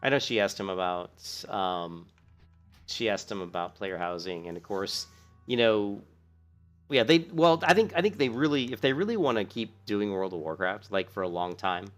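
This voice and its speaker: A man's voice: lowish voice, animated, fairly quick, soft background music. A man giving casual, rambling game commentary as a streamer, blunt and grumbling, often fumbling for words and restarting his phrases.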